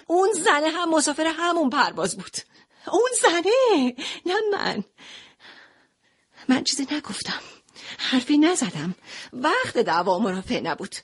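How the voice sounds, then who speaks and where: A woman narrating a dramatic first-person audio story in an expressive way, moving between quiet narration and impassioned passages. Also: fairly high pitch, breathy edge.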